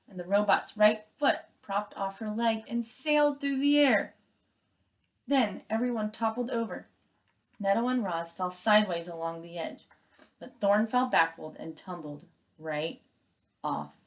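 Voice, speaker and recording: A woman teacher reads aloud and gives young pupils step-by-step instructions, speaking expressively and with emphasis. Her voice sits at a medium pitch.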